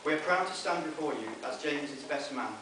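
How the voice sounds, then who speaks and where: A man's voice: a little high, lively intonation, moderate pace. A young man giving a prepared best man's speech at a wedding. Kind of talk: wedding speech, read from notes. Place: inside a wedding venue, speaking to guests. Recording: roomy echoing, noisy, distant event recording.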